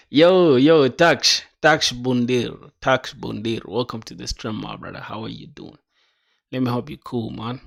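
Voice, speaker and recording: Speaking in a mid-range voice with vocal fry and a measured pace, a young man codes live and chats casually with his audience. He mumbles through docs, reasons aloud using slang, addresses viewers as "bro," and reacts with sudden excitement.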